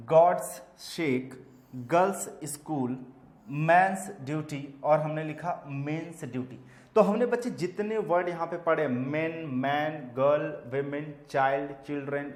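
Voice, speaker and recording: A man's voice: on the high side, roomy sound. A man teaching English grammar with an Indian accent. He repeats terms for emphasis and calls his students children. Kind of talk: classroom lecture.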